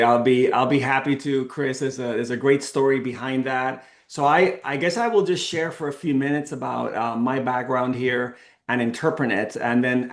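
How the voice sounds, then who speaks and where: A man's voice: mid-range voice, vocal fry, echoey room. A middle-aged man from the Canary Islands, a company founder telling his story in a casual presentation, with many restarts and fillers. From Canary Islands, Spain. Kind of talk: casual presentation on a video call.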